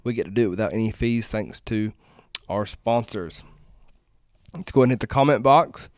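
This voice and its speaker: A man's voice: lowish voice, moderate pace, dry recording, clean studio sound. A man co-hosting a live sports podcast, chatting casually and reading plugs and viewer comments. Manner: drawling, reads sponsor plugs and comments. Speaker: podcast co-host.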